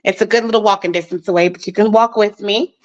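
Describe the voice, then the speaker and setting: A woman's voice: medium pitch, fairly even intonation, fast talker, muffled recording. A woman real estate agent giving a walking tour of a house, chatty and a little nervous, slightly out of breath. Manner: chatty, nervous, laughs often.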